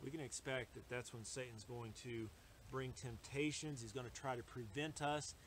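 A man preaching a sermon in a halting way, with many fillers and restarts. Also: medium pitch, steady tone, a little hiss or hum. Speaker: pastor.

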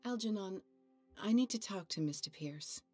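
An actress playing a haunted, solemn woman resisting an ancient voice in a dramatic video game, with a husky voice. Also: medium pitch, expressive, unhurried, a little mellow. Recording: game dialogue over background music.

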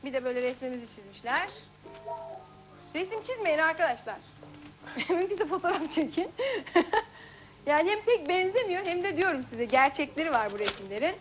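A woman's voice: sits high, animated, moderate pace, long pauses. A woman hosting a casual live TV show, chatting, laughing and reading out viewer faxes. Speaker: TV show host.

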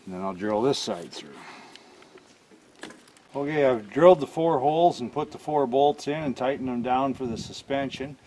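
A man of ordinary pitch narrates his own work as he goes, in a plain, practical step-by-step way. He is recorded in a workshop, and the sound of tools and mechanisms comes through clearly around his voice. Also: normal speed, a little mellow, slight background noise. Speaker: cart builder demonstrating an install. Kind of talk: hands-on how-to demonstration.

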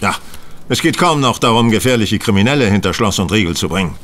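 An actor playing Sherlock Holmes, a bored, haughty, capricious master detective, eloquent and imperious in a German audio drama. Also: male voice, fairly low pitch, lively intonation, fast, fairly bright tone, a little hiss or hum. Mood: bored, dismissive.

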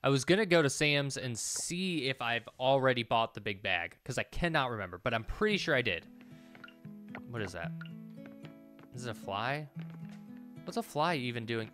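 Gaming video host, a man in his thirties, gives casual let's play commentary in a small indoor room at home with game music behind him. He mutters to himself and swears offhandedly in an expressive mid-range voice, at a moderate pace with frequent pauses.

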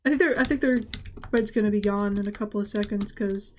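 A woman's voice: mid-range voice, fast talker, a little hiss or hum. A woman with a stuffy, congested voice gives casual gameplay commentary, rambling and stammering as she talks to herself. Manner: rambling, stammering self-talk. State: congested nasal voice. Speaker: gaming channel host.

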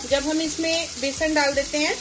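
A woman's voice: sits high, level tone, moderate pace, background noise. A woman chatting casually at home as she explains a cooking recipe step by step. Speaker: cooking vlogger. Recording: music playing behind.

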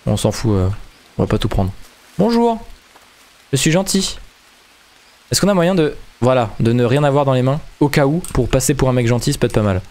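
Brief: young male gaming host, casual let's-play patter, excitable, stammers, mid-pitched voice. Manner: excitable, stammers over words.

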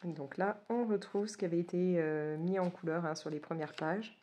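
A woman's voice: lowish voice, fairly even intonation, moderate pace, dark tone, a little hiss or hum. A woman from France in her forties, chatting casually and gushing as she flips through coloring books, with lots of hesitations. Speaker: coloring book reviewer. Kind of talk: casual book flip-through commentary.

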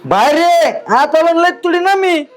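A man's voice: very high-pitched, animated, normal speed. A man playing a bullying drunk son. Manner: harsh, repetitive, bullying. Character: drunk adult son, bullying, demanding money. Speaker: actor. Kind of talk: short-film acting.

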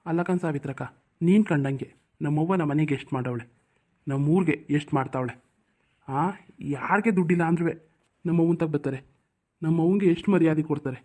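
A man's voice: a little high, a little fast, long pauses, warm tone, lightly acted. A man voicing a hot-tempered village man, a devoted son, in a cartoon, with a North Karnataka Kannada accent. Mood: complaining.

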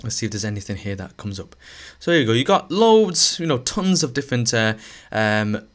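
A male teacher narrates a screen-recorded lesson, a little hoarse because he's losing his voice. Relaxed and thinking aloud, he talks through each step with fillers and restarts at a medium pitch and a slightly fast pace.

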